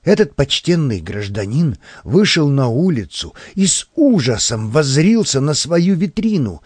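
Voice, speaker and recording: A man narrating an audiobook in an expressive storytelling manner. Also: a little high, unhurried, slightly rough, dry recording. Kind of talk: scripted narration.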